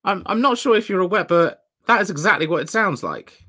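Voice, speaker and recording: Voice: lively intonation, fairly quick, sharp tone. A streamer giving casual, sardonic and sweary reaction commentary on an old TV show, speaking into a desktop mic at home. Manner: sardonic and sweary, with big swings in pitch.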